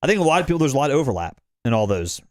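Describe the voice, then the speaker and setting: Fast, animated podcast man ranting. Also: mid-range voice, dry recording, clean studio sound. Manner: quick, animated, profane ranting. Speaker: podcast co-host. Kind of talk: casual chat.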